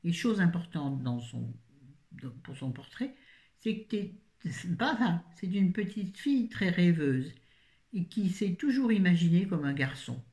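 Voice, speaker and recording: A woman's voice: fairly low pitch, very animated, unhurried, dark tone. A middle-aged woman from France talks through her latest reads in a loose, casual way. She rambles, restarts her sentences and throws in little jokes as she goes. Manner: chatty, rambling, self-correcting, jokey asides. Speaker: book reviewer. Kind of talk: casual book review chat.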